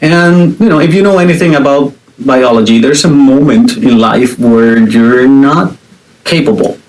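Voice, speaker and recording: A man's voice: medium pitch, unhurried, rough recording. A middle-aged man hosting a podcast, giving a casual faith-based monologue with playful asides and jokes. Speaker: podcast host.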